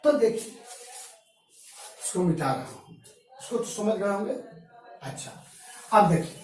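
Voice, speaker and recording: High-voiced teacher in echoey classroom. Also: male voice, animated, darkish tone, a little hiss or hum. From Bihar, India. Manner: repeats key terms slowly, asks and answers his own questions. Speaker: Sanskrit grammar teacher. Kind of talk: classroom lecture. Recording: very echoey room from far off, faint music.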